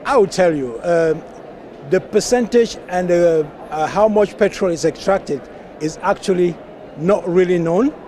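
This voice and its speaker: A man's voice: sits high, a little mellow, slight background noise. A man from Cameroon, a party member, speaking earnestly and with passion in an outdoor street interview. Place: outdoors at a conference venue, street traffic.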